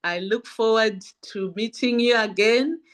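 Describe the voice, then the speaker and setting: A woman's voice: fairly high pitch, measured pace. A woman hosting a video call, encouraging speakers and calling on them in turn before sharing her own story. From Zimbabwe. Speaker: host of an online business call. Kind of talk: video call testimonial session.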